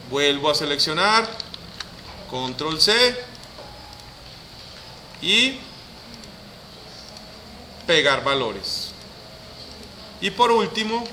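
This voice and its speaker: Slow, repetitive man teaching. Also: on the high side, sharp tone, slight background noise, poor audio. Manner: slow, repeats each step aloud. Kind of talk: screen-recorded software lesson.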